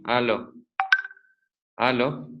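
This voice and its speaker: Guy hosting a webinar on a video call, connection crackling and cutting out, polite, mid pitch. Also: very slow, recorded from a distance, lo-fi sound. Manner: courteous, grateful, with frequent restarts. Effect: choppy, breaking-up call connection. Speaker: webinar moderator. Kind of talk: closing remarks on a live webinar.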